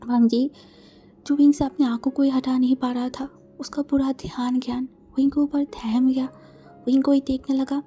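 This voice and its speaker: A woman's voice: sits high, little pitch movement, moderate pace, warm tone, soft background music. A woman casually retelling a fan-fiction story in a chatty way, slipping in English words.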